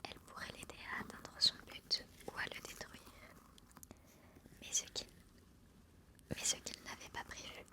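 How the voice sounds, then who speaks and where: A woman whispering softly in a hushed library whisper, unhurried, as she presents books for an ASMR channel. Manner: soft, hushed, unhurried delivery, reading blurbs and commenting. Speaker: ASMR book channel host.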